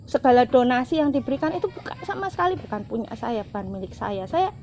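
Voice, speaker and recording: A middle-aged woman, telling a heartfelt personal story as an interview guest, often repeating herself and swinging between bright and hushed. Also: fairly high pitch, lively intonation, fast talker. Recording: slightly dull lo-fi sound.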